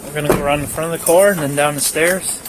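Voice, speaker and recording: A male police officer calmly and patiently explaining procedure and talking casually. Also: on the high side, very fast. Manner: calm, patient. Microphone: body-worn camera. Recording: noisy police bodycam audio.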